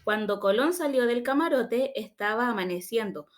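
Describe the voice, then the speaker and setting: A woman reads a children's audiobook aloud. She tells the story plainly in a boy's first-person voice. Her voice sits a little high. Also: lively intonation, moderate pace. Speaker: audiobook reader.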